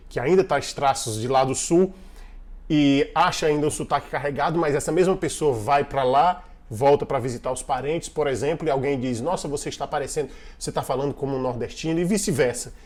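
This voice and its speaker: A man's voice: medium pitch, a little mellow. Conversational male coach. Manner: conversational, repeats and restarts, asks the listener questions. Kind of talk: casual online lesson on team communication.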